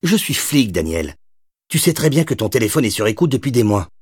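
A man's voice: mid-range voice, big pitch swings, brisk, darkish tone, slightly rough, dry recording, studio quality, pitched above the performer's own voice. A man voicing a blunt, insistent female police detective in an audiobook.

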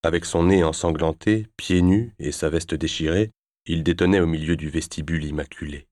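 A man narrating an audiobook chapter in a measured, even reading. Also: low voice, no room sound, studio quality. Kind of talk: scripted narration.

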